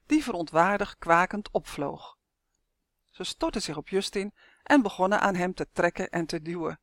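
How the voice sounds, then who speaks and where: Woman narrator, children's storybook, expressive, dry close sound. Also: lowish voice, no echo. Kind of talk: storybook reading.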